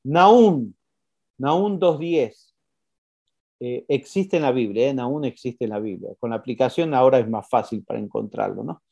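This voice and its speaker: Preacher mid sermon, warm dark tone, repeats lines and keeps asking the crowd stuff. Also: medium pitch, normal speed, creaky. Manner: animated, repetitive, rhetorical questions.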